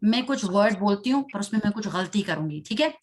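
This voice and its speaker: A woman's voice: mid-range voice, expressive. Patient woman teaching Quran recitation. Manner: recites slowly syllable by syllable for students to repeat; patient, quizzes pupils with questions and praise. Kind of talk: online children's tajweed class.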